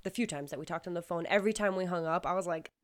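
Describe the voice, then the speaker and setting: Woman host, kinda low voice, earnest and emphatic, casual faith chat. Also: rapid-fire. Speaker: podcast host.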